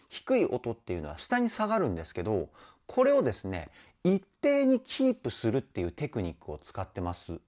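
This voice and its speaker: Lively low-voiced woman vocal coach. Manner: enthusiastic, explains while breaking in with short sung demonstrations. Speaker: vocal trainer. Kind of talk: song analysis commentary.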